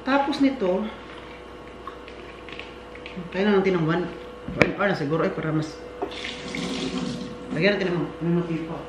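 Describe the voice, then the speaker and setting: A woman's voice: on the low side, animated, moderate pace, long pauses. A woman from the Philippines, rambling chattily as she cooks and talks to her viewers. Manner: rambling, chatty, laughs often. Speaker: vlogger. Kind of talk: casual cooking chat. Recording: echoey room with loud background noise.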